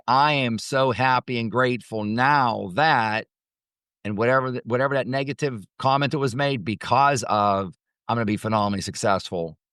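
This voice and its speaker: This man's medium-pitched, slightly bright voice comes through with studio quality and no echo. Acting as a motivational coach and host, he improvises an emphatic teaching talk, hammering points home by repeating phrases.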